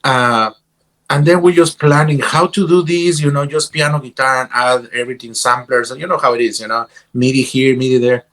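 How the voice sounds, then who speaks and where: On a low-quality recording, a Guatemalan guitarist and music teacher shares casual stories as an interview guest. His voice is mid-range, steady, and a bit bright, with a Guatemalan Spanish accent, and he halts, repeats words, and leans on "you know."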